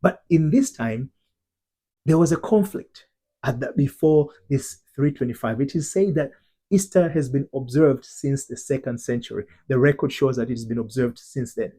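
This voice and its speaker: Speaking at a moderate pace, this Tanzanian man gives an earnest lesson as an identity transformation coach. His medium-pitched voice is dark and husky, and he often starts over, repeats himself, and stresses individual words.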